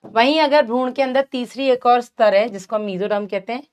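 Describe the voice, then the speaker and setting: A woman's voice: a little high, brisk, darkish tone, smooth. A woman teaching biology in an online exam-prep lecture, explaining patiently and calling her students "beta", with English terms mixed in. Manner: mixes English terms into speech.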